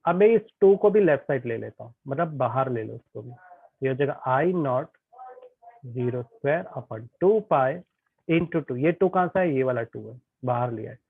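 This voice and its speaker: A man's voice: mid-range voice, animated, normal speed, gravelly, husky, no room sound. A male tutor teaching an online physics class, chatty and often checking that students follow. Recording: tinny phone-like online class audio.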